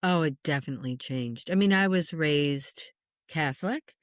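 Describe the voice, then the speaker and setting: A woman's voice: sits low, normal speed, clean tone, no room sound, clean studio sound. Middle-aged woman medium telling stories. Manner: animated storyteller acting out quotes. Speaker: spiritual medium. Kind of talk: conversational interview storytelling.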